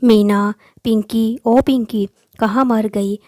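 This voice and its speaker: A woman's voice: on the high side, steady tone, a little slow, no echo, studio quality. A woman voicing a harsh scolding stepmother. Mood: shouting. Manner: scolding, sharp-tongued, shouts. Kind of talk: storybook voice acting.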